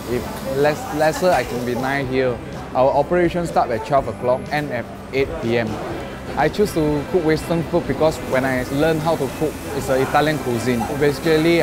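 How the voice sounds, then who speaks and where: A man in his thirties with a Singaporean English accent, a hawker chef talking in a plain, earnest way in a casual interview at his food stall. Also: medium pitch. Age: 30s. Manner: plain, earnest, simple broken phrasing. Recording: music bed under voice.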